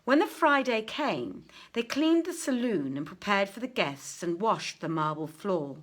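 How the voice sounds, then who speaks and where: A woman reads an old-fashioned tale aloud like a storyteller, using expressive, deliberate phrasing and dramatic pauses. Her voice is medium-pitched and very animated.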